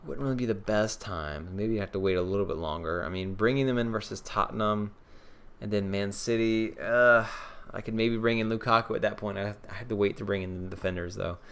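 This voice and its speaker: Young man, fairly low voice, casual live stream chat, thinking aloud, answering viewers. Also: brisk, a bit bright, clean tone. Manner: casual, answers viewer questions, many fillers. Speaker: fantasy football streamer.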